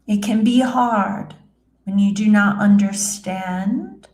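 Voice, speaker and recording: Seance medium woman as serene spirit guide: solemn, halting, drawn-out pacing, echoey room. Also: mid-range voice, darkish tone, lightly acted. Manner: halting, solemn, measured, with hums and long pauses. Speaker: trance channeler, seance medium. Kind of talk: trance channeling, addressing listeners as a spirit. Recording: roomy, echoing sound.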